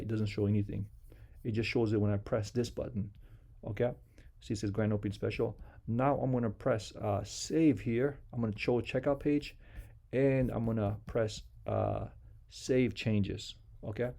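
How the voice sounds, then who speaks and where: A software tutorial presenter gives a casual, unscripted screen-share walkthrough, using simple, repetitive step-by-step instructions. His voice is fairly low and dark, with noticeable vocal fry.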